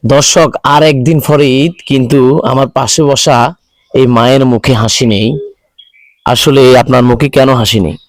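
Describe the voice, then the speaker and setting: A man with a Bangladeshi accent hosting a charity video, speaking in a halting, repetitive, pleading way to viewers. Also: medium pitch, fairly even intonation, no echo. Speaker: charity video host appealing for donations. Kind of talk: earnest spoken appeal to viewers, interviewing.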